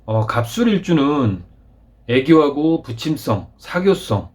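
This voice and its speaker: A man hosting his own channel, explaining step by step over a screen recording in a polite, formal way, with frequent filler pauses. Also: medium pitch, very animated, darkish tone. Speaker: channel host explaining fortune-telling.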